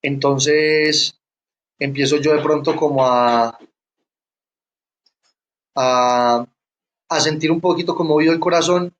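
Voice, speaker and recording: Halting young man, fairly high voice. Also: steady tone. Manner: halting, repeats words and restarts. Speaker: interviewee sharing his testimony. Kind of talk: personal testimony.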